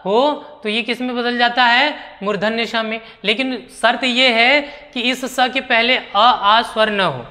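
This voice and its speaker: A male Hindi grammar teacher explaining a lesson. He asks rhetorical questions, answers them himself, and repeats key terms slowly for emphasis. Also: extremely high pitch, steady tone, pushed and bright, in a large hall.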